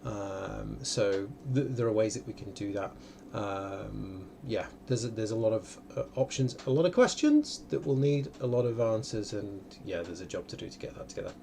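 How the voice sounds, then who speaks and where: A man with a lowish, gravelly voice hosts a live online question session as a film-maker, answering questions in casual, unscripted talk. He sounds hesitant and halting, circling back and repeating phrases, and the stream is noisy.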